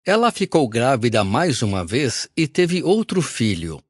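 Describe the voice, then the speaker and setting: A man reading a Bible audio recording aloud in a measured, solemn narration. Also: mid-range voice, sing-song, husky, dry recording, studio quality.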